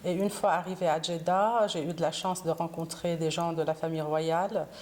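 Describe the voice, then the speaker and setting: A woman's voice: on the low side, fairly even intonation, brisk, darkish tone. A middle-aged woman from Lebanon, guest in an interview, answering hesitantly with many fillers. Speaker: interview guest, consular councillor.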